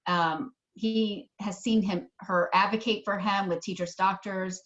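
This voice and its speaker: A woman's voice: medium pitch, fairly even intonation, unhurried, fairly bright tone. A woman moderating a webinar, reading out audience questions with some ums. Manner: reads questions with um fillers. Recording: dull lo-fi web audio.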